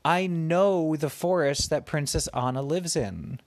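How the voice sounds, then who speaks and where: A man voicing an excited talking squirrel in a bedtime story. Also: no room sound. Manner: high, excited, quick.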